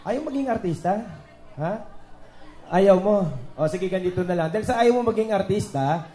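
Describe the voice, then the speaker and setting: Guy magician hosting a kids party, high mellow voice, booming echoey mic with music behind. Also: expressive, moderate pace. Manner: joking, teasing, coaxes kids and guests. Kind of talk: lively party hosting with crowd banter. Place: indoor party venue with PA speakers. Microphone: handheld microphone through PA.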